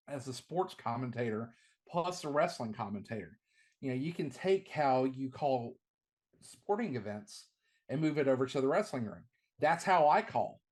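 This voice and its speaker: Speaking enthusiastically in an easygoing podcast interview, a middle-aged ring announcer and wrestling commentator keeps repeating the opening words of his phrases. Though not deep, his voice carries, and it has a slightly mellow quality.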